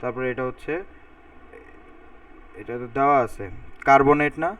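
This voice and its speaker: In this recorded lecture on formulas, a male chemistry teacher speaks at a moderate pace in a mid-range, fairly bright voice with fairly even intonation. He is somewhat distant from the mic, and while writing on the board he reasons aloud and says word endings repeatedly so their pronunciation is drilled.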